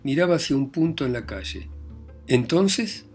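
A man narrates a literary novel as an audiobook, reading in a measured, somber way. His voice sits at a middle pitch. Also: faint music behind.

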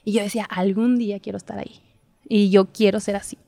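A young woman, telling her story as a guest in a casual interview, chatty and quick to laugh. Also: medium pitch, fairly even intonation, vocal fry, warm tone, no echo. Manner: chatty storyteller, laughs often, acts out quotes. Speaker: guest, TV reporter.

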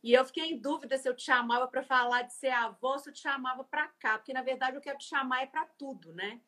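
A woman's voice: high-pitched, fast, bright, forceful tone. A woman hosting an interview, speaking in a reflective, searching way. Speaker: host. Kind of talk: interview conversation.

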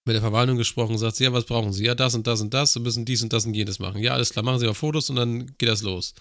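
A man's voice: medium pitch, fairly even intonation, rapid-fire, fairly bright tone, no room sound, studio quality. A man telling a long work story in casual podcast chat, with crude slang and acted-out dialogue. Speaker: podcast co-host.

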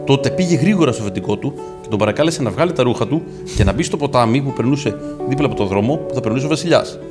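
Playful comic co-host, lively fairy-tale reader, laughs a lot, music behind. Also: male voice, medium pitch. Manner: playful, laughing, animated storytelling.

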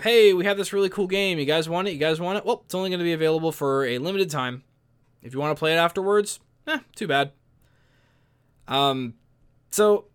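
A man's voice: fairly high pitch, a bit bright. Exasperated young man ranting. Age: young adult. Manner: opinionated and exasperated, with many restarts. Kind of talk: casual commentary.

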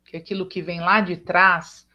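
A woman's voice: on the low side, little pitch movement, normal speed. A Brazilian woman hosting a casual chat who tells stories animatedly and acts out quoted dialogue. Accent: Brazilian Portuguese. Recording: dull lo-fi sound.

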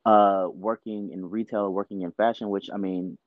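A man's voice: lowish voice, fairly even intonation, moderate pace, dry recording, narrow, tinny audio. A man from the US South, a podcast guest talking candidly in a chatty, filler-heavy way. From Georgia, US South. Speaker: podcast guest, actor and producer. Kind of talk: casual interview talk.

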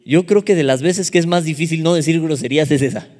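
High-voiced Mexican preacher in a reverberant hall. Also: male voice, fast. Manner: lively storytelling with humorous asides. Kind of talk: sermon.

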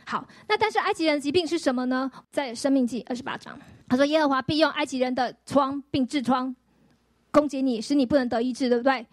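Woman pastor, lively storytelling sermon, high voice, dry close sound. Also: quick pace, no room sound. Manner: lively, storytelling with acted-out quotes and rhetorical questions. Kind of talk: personal healing testimony sermon.

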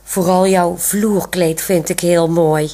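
A woman's voice: on the low side, fairly even intonation, slow, dark tone. Woman voicing a kind old lady with a walker. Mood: comforting.

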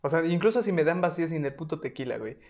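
A woman's voice: deep voice, animated, very fast, a little mellow. A young woman with a Mexican accent, co-hosting a podcast in casual chat with slang and swearing. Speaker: podcast co-host.

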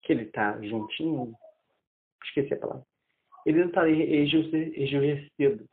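Guy in his 20s telling a story, kinda high voice, animated, lots of restarts, sounds like a phone line. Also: normal speed. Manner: animated, acts out quoted dialogue, many restarts. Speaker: interviewee. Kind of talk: casual personal storytelling. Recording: tinny phone-like audio.

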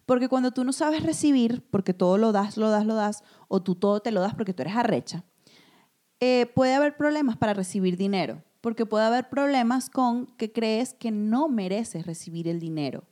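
A woman, co-hosting a casual chat and telling stories with animated energy, who keeps calling her friend comadre. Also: on the high side, moderate pace. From Venezuela. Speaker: podcast co-host.

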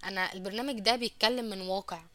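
A woman with an Egyptian Arabic accent hosting a radio advice show, explaining slowly through hesitant fillers and self-corrections. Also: medium pitch, fairly even intonation, bright, forceful tone, dry recording. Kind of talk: relationship advice talk show.

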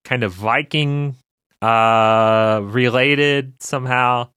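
A man co-hosting a casual chat podcast, easygoing and quick to laugh. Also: medium pitch, fairly even intonation, sharp tone, clean tone, dry recording, clean studio sound. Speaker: podcast co-host.

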